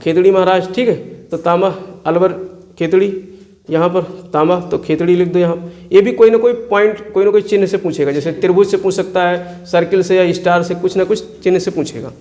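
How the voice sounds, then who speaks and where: A man's voice: high voice, steady tone, fairly quick, mellow. A male tutor from walks students through exam map work. He keeps asking questions and answering them himself, repeating every place name so it sticks. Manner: repeats key place names for drilling. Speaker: teacher.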